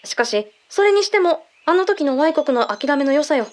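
An actress plays a female intelligence agent in a Japanese radio drama, using a notably high, animated voice. She sounds assured and blunt, brisk and matter-of-fact, laying things out in blunt, mannish phrasing.

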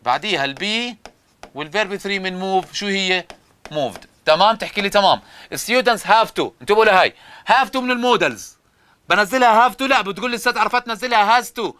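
A young man teaching English grammar in Jordanian Arabic, with a high, bright, forceful voice. He poses a question to his students, answers it himself, and goes over each rule again step by step. The sound is dry and close, with no room echo. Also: expressive, normal speed, clear, resonant tone. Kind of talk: grammar lesson explanation.

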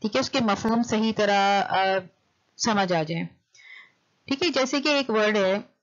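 A woman lecturer teaches a recorded class at an unhurried pace. She dictates each English point word by word, then explains it in quick asides, checking in with "okay" again and again. The recording sounds muffled and lo-fi. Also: medium pitch. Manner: reads English points slowly, then explains them fast, often saying "okay". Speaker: university lecturer. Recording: dull lo-fi recording.

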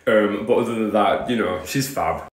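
A man, reacting at home to a dance show with quick, gushing, slangy verdicts. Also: fairly low pitch, breathy edge. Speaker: vlogger reviewing a dance show. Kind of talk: casual live reaction commentary. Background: TV show music playing.

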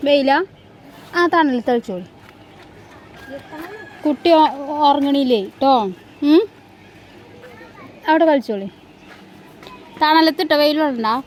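A woman's voice: sits high, slow pace, pauses often. A woman calling out to children at home. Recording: from a distance, with faint outdoor noise.

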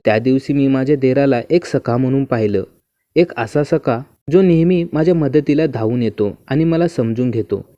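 A man narrating a first-person story in a smooth, even and unhurried reading manner. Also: medium pitch, no room sound. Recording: dull, muffled dry recording.

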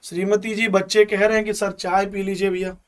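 A male teacher running a live online revision class. He quizzes viewers, repeats questions slowly and jokes with them. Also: high-pitched, flat delivery, clean tone, far from the mic. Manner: joking banter with viewers.

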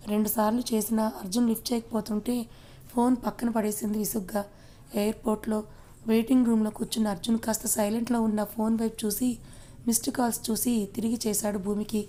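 A woman narrating a romance audio story as its storyteller, reading in an even, gentle way. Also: fairly high pitch, quick pace.

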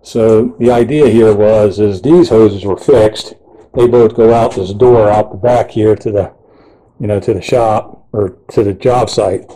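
A man with a low, very dark voice gives a casual walkthrough of his equipment. He talks plainly and unhurriedly, with plenty of ums and you-knows, while filming first-person inside a trailer on a handheld camera mic. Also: poor audio. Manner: plain, unhurried explaining with fillers. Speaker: pressure washing business owner.

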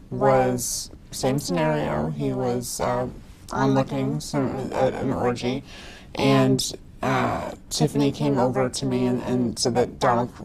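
A woman in her thirties whose voice is electronically altered to sound deep, giving testimony haltingly with many fillers and restarts. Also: vocal fry, poor audio.

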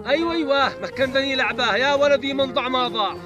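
A man's voice: very high voice, fast, music in the background. A man playing an elderly father who preaches at his son, repeating himself and quoting scripture. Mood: preachy. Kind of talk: comedy sketch acting.

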